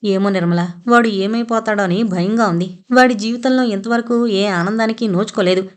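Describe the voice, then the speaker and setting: A woman's voice: mid-range voice, normal speed, lightly acted. A woman reading an audio novel, voicing a young man holding back tears over his brother. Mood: grieving. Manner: sorrowful, restrained.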